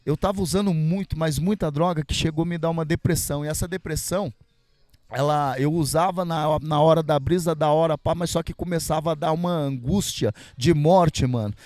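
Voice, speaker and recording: A man's voice: on the high side, fairly quick, a little mellow, no echo. A middle-aged man, telling his life story as a podcast guest in casual street slang. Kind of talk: casual testimony.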